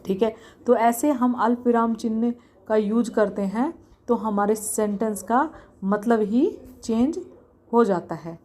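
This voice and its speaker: A young woman teaching a casual grammar lesson, often repeating examples slowly and asking herself questions as she explains. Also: a little high, darkish tone.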